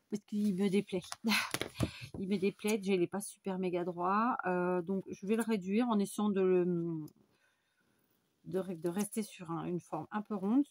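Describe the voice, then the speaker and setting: Woman, craft tutorial host, mellow low-key tone, chatty, lots of fillers. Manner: chatty, thinks aloud with frequent fillers and "voilà". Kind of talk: casual step-by-step crafting tutorial.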